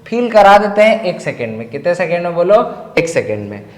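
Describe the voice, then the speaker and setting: A man's voice: high-pitched, big pitch swings, brisk. A man with a Chhattisgarh accent teaching a chemistry class, asking students questions and then answering them himself. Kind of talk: classroom lecture. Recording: echoey classroom with long reverb.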